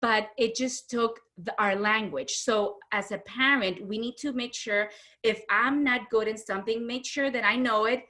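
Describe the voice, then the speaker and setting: A middle-aged Honduran woman, a homeschooling mother, is an interview guest telling stories in an animated, conversational way. Her voice is a little high and sharp, at a normal speed, and she speaks emphatically, acting out what people said.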